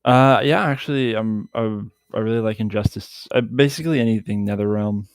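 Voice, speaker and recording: A man guesting on a podcast, chatting casually in a halting way full of fillers and restarts. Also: fairly low pitch, no echo, studio quality. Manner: halting, filler-heavy, laughs easily. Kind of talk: casual chat.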